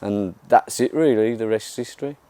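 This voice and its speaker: A man with a smooth, dark, mellow voice. He tells casual anecdotes in an easy, unhurried way. The recording is dry and close. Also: lowish voice, no room sound. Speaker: guitarist. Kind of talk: documentary interview.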